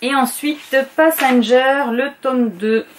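A woman's voice: high voice, slow, slight background noise. A woman book vlogger in a casual chat to camera, going through her reading list and often hesitating and correcting herself.

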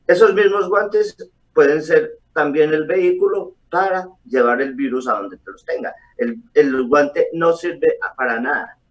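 Middle-aged doctor on a distant video call. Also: male voice, on the high side, measured pace, highs cut off. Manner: calm explaining with hesitations. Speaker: doctor guest. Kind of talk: explanatory interview answers. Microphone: webcam on a video call.

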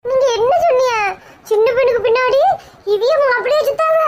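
A woman's voice: very high-pitched, fairly quick. A woman with a Kanyakumari Tamil accent playing a nosy, gossiping friend in a comedy skit, full of dramatic exclamations. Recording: clear background noise.

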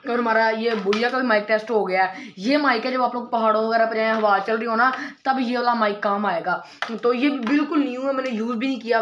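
A man's voice: extremely high pitch, fairly bright tone. A man, chatting to viewers in a casual unboxing and mic-test vlog. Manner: chatty, talks straight to viewers, many fillers. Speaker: vlogger.

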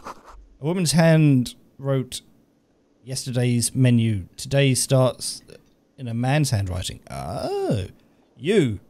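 Male streamer, animated delivery, playful game commentary. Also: medium pitch, slow. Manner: playful, chuckling, lively. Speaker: gaming streamer. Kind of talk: casual game commentary, reading dialogue choices aloud.

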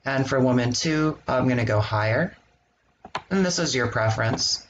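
Give me a man at a middle pitch walking through a software tutorial, relaxed and plain, with faint noise behind. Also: moderate pace. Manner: relaxed step-by-step explaining with ums. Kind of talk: screen-recorded software walkthrough.

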